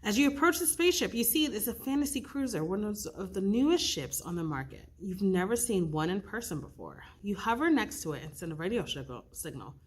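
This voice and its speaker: A woman reading an interactive storybook aloud, expressive and stopping to pick the story's path. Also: mid-range voice, fairly quick, few pauses, husky. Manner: expressive, with slips and restarts, rolling dice for choices. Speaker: youth librarian reading aloud.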